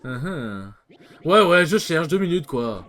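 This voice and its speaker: A man's voice: on the high side, very animated, slow, fairly bright tone, faint music behind. A man hosting a let's play, giving loose, chatty commentary and swearing casually.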